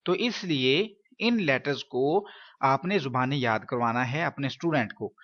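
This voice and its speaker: A man's voice: medium pitch, lively intonation, a bit bright, muffled recording. A man teaching Quran reading to other teachers, explaining step by step, checking in often and asking rhetorical questions. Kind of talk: instructional lesson for teachers.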